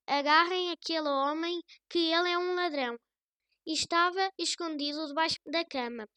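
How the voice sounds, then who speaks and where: A woman's voice: very high-pitched, moderate pace, pushed and bright, dry recording. A woman with a European Portuguese accent voicing a shrewd, unflustered old grandmother in a storybook tale. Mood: urgent.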